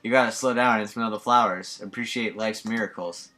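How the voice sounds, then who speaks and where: A man voicing a goofy, trolling teenage girl prankster who acts deliberately dumb, in a mock-grand way. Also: lowish voice, fairly even intonation, sharp tone. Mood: smug.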